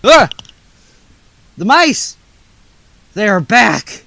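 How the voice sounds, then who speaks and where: A teenage boy plays a jittery, mouse-fearing baker's helper in a school radio play. His voice sits high and moves slowly, but it leaps wildly between notes. A faint hiss runs beneath the recording. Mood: panicked. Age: teens. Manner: excitable, jumpy outbursts.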